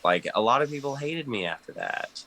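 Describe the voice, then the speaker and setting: A young man co-hosting a podcast, talking haltingly with many fillers and restarts. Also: medium pitch, sing-song, pushed and bright, slight background noise, low-quality recording. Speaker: podcast co-host. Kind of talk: casual podcast chat.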